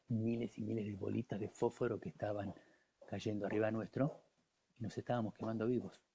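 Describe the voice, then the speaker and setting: A man's voice: fairly low pitch, mellow, slightly rough. A man in his sixties with an Argentine accent, a war veteran guest telling his story in the first person, vivid and intense, acting out other people's words. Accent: Argentine Spanish. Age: 60s.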